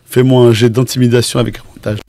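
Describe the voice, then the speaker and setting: A man's voice: medium pitch, flat delivery, quick pace, heavy background noise. A man narrating an improvised tabletop game as game master.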